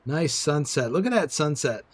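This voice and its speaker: An older man with a slightly raised voice, talking in a relaxed, chatty way during a live game stream. He greets viewers by name and answers their comments as he plays, easygoing and unhurried. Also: fairly high pitch. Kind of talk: casual live-stream commentary while playing.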